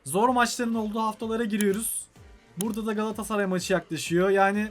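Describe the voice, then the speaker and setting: Excitable high-voiced Turkish gamer. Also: male voice, quick pace, faint music behind. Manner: excitable, frustrated outbursts at the game. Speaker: gaming YouTuber. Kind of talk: let's-play commentary.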